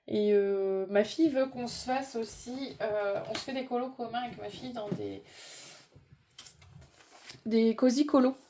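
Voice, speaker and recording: A woman's voice: a little high, animated, a little slow, long pauses, background noise. A middle-aged woman chatting casually in a hobby vlog, informal and rambling as she thinks aloud. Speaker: vlogger.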